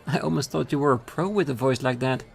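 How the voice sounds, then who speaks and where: A man's voice: medium pitch, quick pace, creaky, soft background music, lightly acted. A man voicing a polite, chatty woman shopping for groceries in a game, in a lightly raised voice. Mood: friendly.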